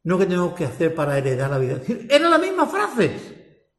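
A man preaching a sermon, asking rhetorical questions and swinging between loud and soft. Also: high-pitched, wildly swooping pitch, normal speed, roomy sound.

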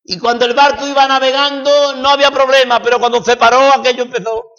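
A man from preaching a sermon, swinging dramatically between loud declarations and hushed passages. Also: extremely high pitch, flat delivery, quick pace. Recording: echoey hall, dull lo-fi sound.

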